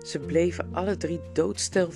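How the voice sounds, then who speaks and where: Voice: medium pitch, moderate pace, creaky. Storybook narrator over guitar. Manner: steady storytelling. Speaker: audiobook reader. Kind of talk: scripted narration. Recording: guitar music playing underneath.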